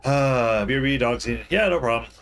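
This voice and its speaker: A man's voice: medium pitch, moderate pace, fairly bright tone. A man streaming a video game from home, rambling casually and correcting himself as he plays. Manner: rambling, mumbling, self-correcting. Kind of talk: casual gameplay commentary.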